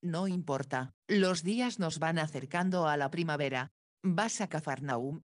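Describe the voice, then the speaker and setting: Woman voicing a patient man teaching gently, low and dry, audiobook. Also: unhurried, no room sound. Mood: gentle. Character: calm, patient grown male teacher.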